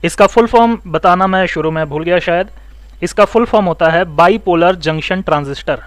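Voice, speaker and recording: A man teaching mobile phone repair, explaining circuits step by step, asking students questions and telling them to take notes, and talking fast. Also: high-pitched, no echo. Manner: talks fast, says so himself. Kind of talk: online electronics lesson.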